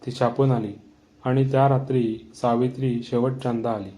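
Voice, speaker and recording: A man tells a horror story in a calm, measured way. His voice is dark and mellow, steady in pitch.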